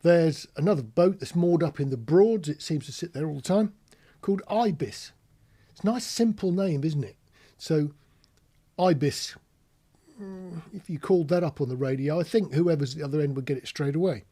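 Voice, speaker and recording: A British man with a fairly high, dark voice speaks at a moderate pace, hosting an informal instructional monologue as a podcast host and radio instructor. He chats through examples conversationally, adds rhetorical tag questions, and spells out words.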